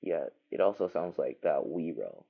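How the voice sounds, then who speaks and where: A man speaks in a low voice thick with gravelly vocal fry. He rambles casually, as on a livestream, thinking aloud while he works. The sound is slightly muffled and dull. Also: big pitch swings, normal speed. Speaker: livestreaming animator.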